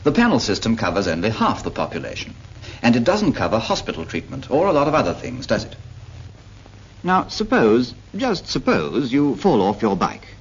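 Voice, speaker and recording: This British male narrator of a 1940s public information cartoon has a mid-range voice that swoops wildly in pitch, delivered at a moderate pace. He explains things patiently while speaking to a character in scripted period narration. The audio is a dull 1940s film soundtrack with music and a little hiss or hum.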